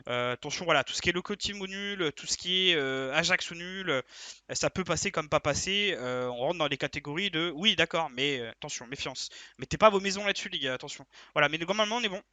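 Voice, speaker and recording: A man's voice: on the high side, lively intonation, fast talker, bright, forceful tone, no echo. A young man giving sports betting tips in a casual monologue, hyped and urgent, repeating his calls over and over.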